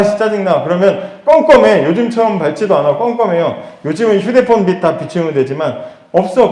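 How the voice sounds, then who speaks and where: Male pastor, emphatic and chatty preaching, voice a bit high, reverberant room. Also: darkish tone. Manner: conversational, emphatic preaching with rhetorical questions. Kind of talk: sermon.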